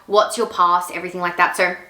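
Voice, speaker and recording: A woman in her 20s, a fitness content creator, chats casually to camera in a Q&A vlog, her talk full of "like" and "um." Her voice is on the low side and level, yet quick, bright and forceful. The audio is poor, with a roomy sound.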